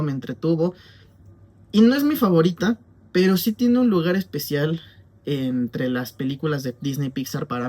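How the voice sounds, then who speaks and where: A man's voice: on the high side, darkish tone. A young Mexican man with a Mexican Spanish accent, reviewing a film in a chatty, rambling way full of fillers. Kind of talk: casual spoken film review.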